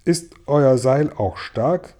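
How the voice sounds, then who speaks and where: A man reading a storybook aloud, voicing a calm, earnest young boy in a lifted voice. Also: medium pitch, slow pace. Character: young boy, quiet and thoughtful. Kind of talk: audiobook reading.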